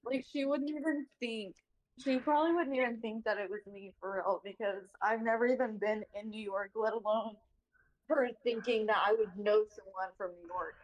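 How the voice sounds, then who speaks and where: A woman's voice: a little high, normal speed, lo-fi sound. A young woman guesting on a livestream, chatting loosely and giggly. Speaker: stream guest. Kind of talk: casual chat on a livestream.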